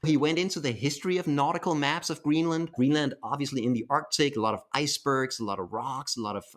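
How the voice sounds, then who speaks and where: A man's voice: a little high, fast, fairly bright tone. A man co-hosting a podcast with an American accent, telling stories in a playful, enthusiastic way. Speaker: podcast co-host. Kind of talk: casual podcast chat.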